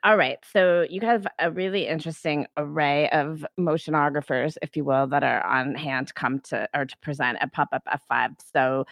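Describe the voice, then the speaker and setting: A woman interviewing a guest in a light, chatty way, with quick follow-up questions. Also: low-pitched, a bit bright, no echo. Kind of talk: casual interview chat.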